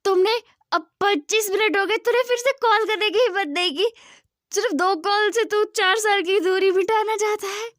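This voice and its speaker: A woman voicing an angry young man who scolds and yells at an old friend, in a storybook retelling. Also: very high voice, moderate pace, no echo, clean studio sound, pitched above the performer's own voice. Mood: shouting. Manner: scolding, yelling.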